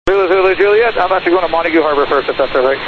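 A man piloting a plane, calling the tower over a crackly two-way radio in brisk, clipped radio phrasing. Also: a little high. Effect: crackly two-way radio transmission. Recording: muffled radio with static hiss.

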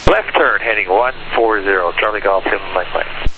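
A man's voice: lowish voice, moderate pace. A man working as a pilot, reading back instructions in clipped phrases over cockpit radio. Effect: cockpit aviation radio. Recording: muffled noisy radio with static hiss.

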